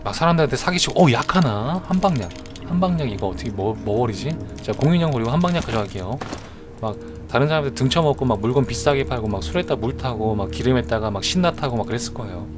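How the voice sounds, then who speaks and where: A man's voice: medium pitch, lively intonation, fast talker. A man streaming a game live, chatting in a joking, mock-earnest way as he justifies his moves. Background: music.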